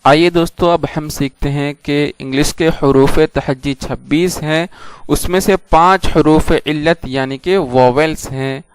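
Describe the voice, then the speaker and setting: Slow, clear-voiced male language teacher. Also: on the high side, dry recording. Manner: patient, repeats each letter and example. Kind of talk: slow, deliberate classroom instruction.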